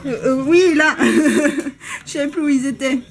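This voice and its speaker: A woman's voice: high-pitched, unhurried. A young woman from France chatting cheerfully as she films her vlog, laughing often. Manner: cheerful, laughs often, narrates while filming. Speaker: vlogger, exhibitor. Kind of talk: casual handheld vlog chat. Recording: noisy background.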